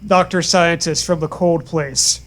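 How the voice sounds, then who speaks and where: A man reads a silly story aloud at an unhurried pace. His voice is fairly high, and he adds dry, mock-earnest jokes between the lines. It has the feel of easy comic banter. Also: steady tone, fairly bright tone. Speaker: co-host reading a story aloud. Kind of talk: comedic story reading with banter.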